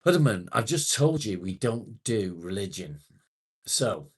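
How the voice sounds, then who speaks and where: Husky deep-voiced man in his forties. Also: sing-song, a little slow. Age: 40s. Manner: chatty, matey, swears casually. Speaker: livestream host. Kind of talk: casual live chat reading viewer comments.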